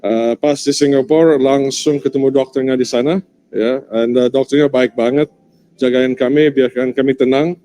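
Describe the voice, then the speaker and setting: A man's voice: medium pitch, fairly even intonation, normal speed, dark tone. A man recounting events casually, often slipping in English phrases and short interjections. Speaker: guest, husband. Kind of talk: casual testimony.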